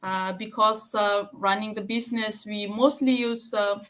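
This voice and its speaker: A woman's voice: mid-range voice, steady tone, unhurried, a bit bright. A woman from Fiji speaking on a live stream from her home, talking hesitantly with many fillers and restarts.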